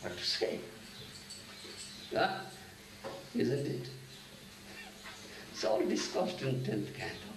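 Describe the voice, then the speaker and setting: A man's voice: fairly low pitch, background noise. A man giving a sermon as a spiritual teacher, often asking his listeners "huh? isn't it?". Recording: echoey room, mic at a distance.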